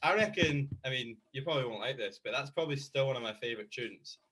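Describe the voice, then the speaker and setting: A man's voice: mid-range voice, quick pace, bright, forceful tone. A young man co-hosting a radio show, chatting and reminiscing casually. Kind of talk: casual chat.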